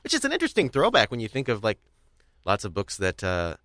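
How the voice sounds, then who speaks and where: A podcast host chats casually about audio drama in a hesitant, rambling, stop-start manner. His voice is on the low side but fairly bright, with wildly swooping pitch and a fast pace, captured in dry, studio-quality sound with no room.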